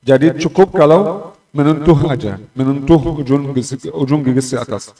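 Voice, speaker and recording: A man teaching Quran pronunciation, explaining calmly and drawing out syllables again and again to demonstrate them. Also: medium pitch. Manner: slow and patient, repeating letters and syllables to demonstrate pronunciation. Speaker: tajwid teacher. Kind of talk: Quran recitation lesson. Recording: roomy echo, distant mic.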